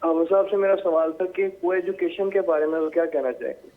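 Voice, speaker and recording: A man's voice: fairly high pitch, fairly even intonation. A man phoning in to a live show with a polite, hesitant question, heard over a narrow phone line. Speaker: phone-in caller.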